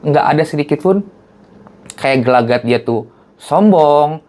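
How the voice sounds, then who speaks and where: A man, speaking as an interview guest. He talks in a loose, chatty way and tells stories. When he repeats what others said, he acts it out in a high voice. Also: animated, unhurried, a little mellow. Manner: chatty storyteller who acts out quotes in a high voice. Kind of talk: casual chat.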